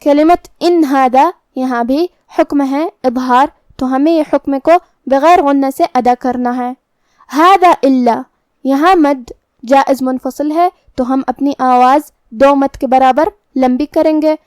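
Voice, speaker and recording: A woman's voice: sits high, steady tone, darkish tone, no room sound, clean studio sound. A woman teaching Quran recitation rules step by step, explaining how each letter is pronounced in a methodical way. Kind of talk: tajweed lesson, explaining then reciting slowly.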